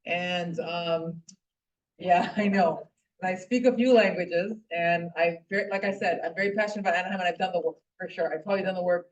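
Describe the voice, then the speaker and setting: A woman's voice: on the low side, fairly even intonation, brisk. Earnest woman speaking from afar. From Puerto Rico. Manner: earnest, heartfelt, with frequent fillers and restarts. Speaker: guest speaker at a political club meeting. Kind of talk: impassioned personal speech. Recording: distant, dull lo-fi room recording.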